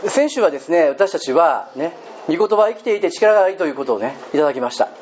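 Male pastor, sermon, lively up-and-down voice, fairly high, dull lo-fi recording with faint hiss. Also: quick pace. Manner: chatty, asks the congregation questions and jokes. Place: church hall.

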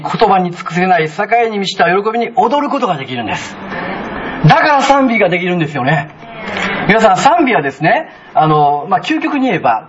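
A man pastor with a Kansai accent, preaching a sermon in a chatty, animated way, with many asides to the congregation. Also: high-pitched, highs cut off, background noise. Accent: Kansai Japanese.

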